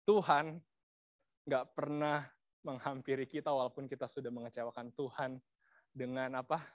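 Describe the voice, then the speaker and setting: Male preacher, mid-pitched voice, dramatic sermon delivery with rhetorical questions, dry close sound. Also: fairly even intonation, moderate pace, dry recording. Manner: dramatic, swings between loud and hushed delivery; asks the congregation rhetorical questions.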